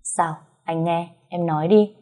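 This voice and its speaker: Woman as calm young boyfriend in an audio story, soft, lowish voice. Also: measured pace, close to an everyday voice. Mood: calm teasing.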